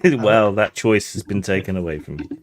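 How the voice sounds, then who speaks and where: A tired man narrates a tabletop game as game master. He uses dry, understated humor, and his voice sits low. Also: normal speed, over a noisy crowd.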